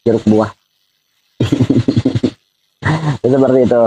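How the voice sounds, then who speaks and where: A man's voice: mid-range voice, takes it slowly, warm tone, soft background music, low-quality recording. A middle-aged man giving religious health advice to viewers, with a preachy, repetitive delivery and frequent laughs between points. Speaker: Islamic health advice speaker. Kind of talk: religious advice talk answering questions.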